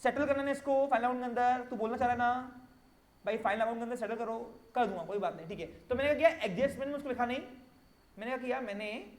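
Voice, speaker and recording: A man's voice: extremely high pitch, quick pace, reverberant. A male commerce teacher, lecturing through a story and asking students rhetorical questions.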